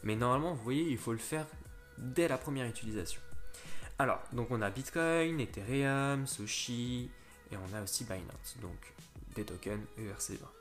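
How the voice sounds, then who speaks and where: Over soft background music, a man with a medium-pitched voice and lively intonation talks at normal speed through a casual crypto app tutorial. Addressing viewers directly, he guides them step by step, stumbling into frequent restarts and fillers.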